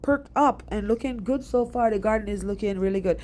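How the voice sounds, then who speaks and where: Her pitch is medium and her tone darkish: a young Jamaican DIY gardening vlogger giving a rambling, casual voice-over about her garden. She speaks chattily and fast, with a stuffy, breathless quality.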